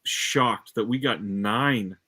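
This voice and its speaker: A man's voice: fairly low pitch, slow, sharp tone, breathy edge. A man who is a streamer and guest, explaining details in a casual chat in an informed way. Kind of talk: casual chat about film releases.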